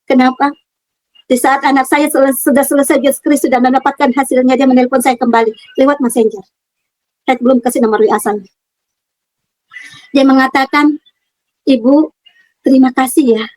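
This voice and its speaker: High-voiced middle-aged woman giving testimony. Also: fairly even intonation, darkish tone, dry recording, poor audio. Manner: earnest, halting with repeated words and fillers. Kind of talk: personal religious testimony. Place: her own room.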